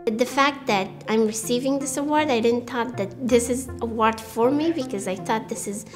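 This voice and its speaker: A young woman from Afghanistan, a student, speaking earnest English as a with some restarts, interviewed in a bright room. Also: a little high, moderate pace, over music. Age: young adult.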